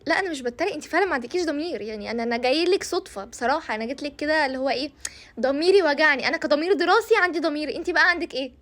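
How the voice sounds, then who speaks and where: A woman's voice: high-pitched, expressive, fairly bright tone. A woman playing a nagging study conscience. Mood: scolding. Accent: Egyptian. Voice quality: quick, teasing, lecturing delivery. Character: nagging female study conscience, scolding and sarcastic. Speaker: comedy sketch creator. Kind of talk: comedy sketch.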